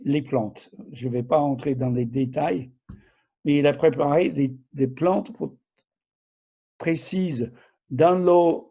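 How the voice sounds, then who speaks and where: A man's voice: mid-range voice, mellow, slightly rough. An older man, sixties or above, with a mixed southern French and American accent, teaching the Bible informally in slightly broken, hesitant French, often correcting himself and checking in with listeners. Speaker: preacher.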